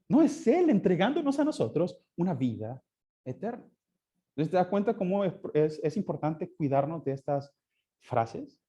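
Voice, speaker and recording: A man's voice: on the high side, very animated, moderate pace, mellow, breathy edge. A man teaching a Sunday school class, often asking his listeners questions and answering them himself. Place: church classroom.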